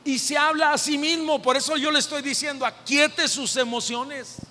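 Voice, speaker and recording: A Mexican man preaching a sermon as pastor, impassioned and building to shouted repetitions, in a church sanctuary. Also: very high-pitched, fairly even intonation, normal speed. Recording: long hall reverb in a church.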